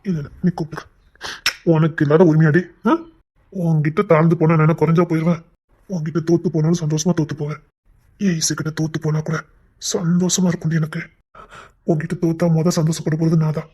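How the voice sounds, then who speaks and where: A woman acting as a devoted young husband who teases his wife and then pleads his love in a soft voice. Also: low voice, level tone, quick pace, long pauses, husky. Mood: tender. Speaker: actor in a romantic couple skit. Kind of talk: acted romantic dialogue.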